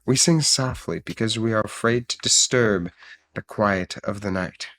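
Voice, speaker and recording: A man voicing a gentle, sleepy-eyed sloth in a storybook reading, speaking slowly and softly. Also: fairly low pitch, close to an everyday voice. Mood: timid. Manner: slow, soft and pleading. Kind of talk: storybook voice acting.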